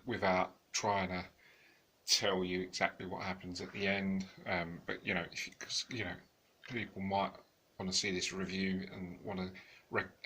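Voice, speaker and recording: Rambling deep-voiced man reviewing films. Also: bright, forceful tone, breathy edge. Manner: rambling, many fillers and restarts. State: tired, yawning. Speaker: home video reviewer. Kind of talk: casual unscripted review.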